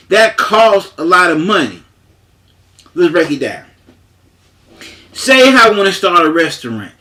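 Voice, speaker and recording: A man talks in a loose, emphatic monologue, circling back to the same points and leaning on fillers. His voice sits high for a man and has a bright, forceful edge. He speaks with a way of talking. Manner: repetitive, emphatic, conversational with frequent fillers. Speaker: paralegal. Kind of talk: casual monologue to camera.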